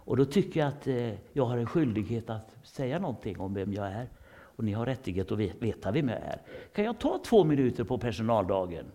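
A man with a Swedish accent preaching an informal sermon, dropping into hushed whispers and then rising into sudden loud bursts. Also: medium pitch, sing-song. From Sweden.

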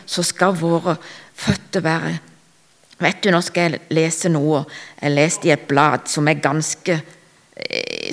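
A woman preaching a sermon with personal testimony, fervent, rising to loud emphasis and dropping to whispers. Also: on the low side.

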